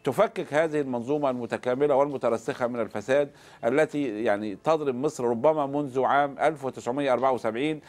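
A man from Egypt, a newspaper editor, answering in a formal, measured way with hesitant fillers during a live interview. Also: mid-range voice, darkish tone. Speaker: newspaper editor, studio guest.

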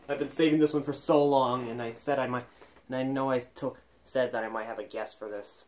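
A young man hosting a reaction video, talking in a jokey, excitable way and laughing often. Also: medium pitch. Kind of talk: casual reaction commentary. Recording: music playing under the voice.

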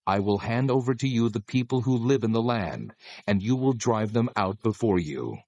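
An actor voicing God as a solemn, commanding lawgiver in a dramatized scripture reading, measured and authoritative. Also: male voice, mid-range voice, lively intonation, mellow, dry recording, muffled recording. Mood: stern, promising. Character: God, commanding lawgiver speaking to his people.

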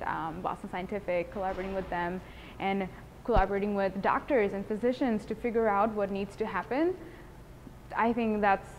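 A woman of about twenty from Bangladesh, with a mid-range voice, gives an earnest, articulate, semi-prepared student interview testimonial. She's recorded on a lapel mic, and the rough audio has slight background noise.

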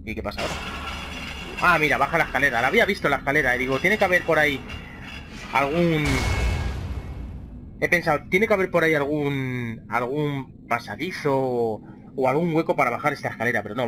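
A man's voice: mid-range voice, animated, brisk, noisy background. A man with a Spain Spanish accent giving casual let's play commentary, chatting freely with his viewers and swearing often. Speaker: gaming channel host.

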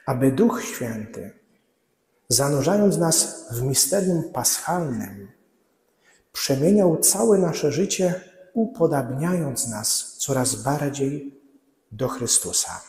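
Slow-preaching man in an echoing church. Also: lively intonation, darkish tone. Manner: slow, measured preaching with drops to a low voice at quotations. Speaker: priest. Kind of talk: Lenten sermon. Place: large church, at the altar lectern. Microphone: far camera. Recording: echoey church reverb.

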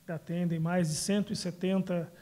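A man's voice: high-pitched, little pitch movement, moderate pace, mellow. A man, answering interview questions into a handheld microphone, often adding tag words. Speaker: city council president. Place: indoors, small room.

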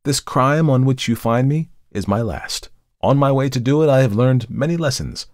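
A man's voice: medium pitch, moderate pace, dry recording, clean studio sound, close to an everyday voice. A man voicing a desperate male murderer who pleads his case in an impassioned, emphatic way, in a dramatic audiobook reading. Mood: reflective.

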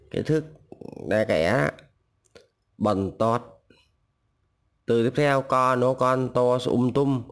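Slow, low-voiced man teaching a lesson. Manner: spells out syllables then repeats each word. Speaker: language teacher.

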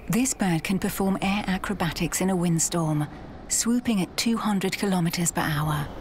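A woman with a somewhat low-set voice reads nature documentary narration. Her delivery is measured, like storytelling from a script. Faint outdoor ambience sits behind her words. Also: a little hiss or hum.

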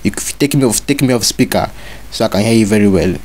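A man with a lowish, slightly mellow voice talks fast while making a prank phone call posing as a school inspector. He is bossy and demanding, repeating his orders again and again.

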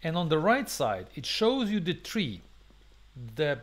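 A man's voice: on the high side, huge pitch swings, measured pace. A man hosting a programming webinar, thinking aloud through a live coding demo with many fillers, restarts and non-native phrasing. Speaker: webinar host and programming instructor.

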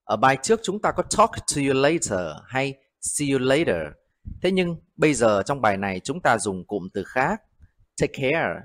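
A man with a Vietnamese accent teaching English phrases, repeating each one slowly and deliberately. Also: medium pitch, sing-song, fairly bright tone, no room sound.

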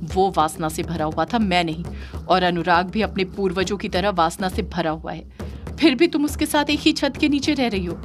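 A woman's voice: on the low side, moderate pace, soft background music, natural voice. A woman voicing a jealous male yaksha spirit in an audio story, pleading and accusing in a raised voice.

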